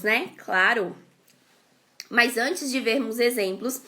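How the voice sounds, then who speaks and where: A woman's voice: fairly high pitch, bright, forceful tone. A woman teaching an English grammar lesson online, explaining step by step and often checking in with "ok?". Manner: reads English example sentences slowly and carefully.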